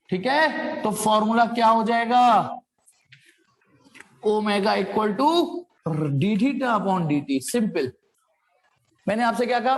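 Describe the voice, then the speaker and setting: High-voiced physics teacher quizzing students. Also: male voice. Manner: quizzes students and answers his own questions, mixes Hindi with English terms; playful asides, sound effects. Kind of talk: classroom physics lecture.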